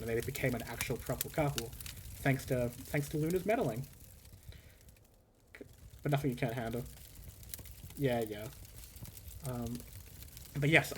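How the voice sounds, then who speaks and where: A man streaming casually, telling a long story with animated, rambling energy and frequent restarts. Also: mid-range voice, a little hiss or hum.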